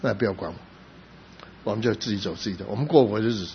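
A middle-aged man preaching a sermon as a pastor, telling a personal story with rising emphasis and sudden soft drops. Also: on the low side, racing. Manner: emotional storytelling, rising to loud emphasis then dropping soft. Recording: slightly dull recording with faint background noise.

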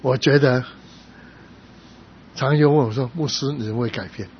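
A middle-aged male pastor preaching a sermon, telling stories with sudden loud emphatic rises. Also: medium pitch, normal speed. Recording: slightly dull sound with faint noise.

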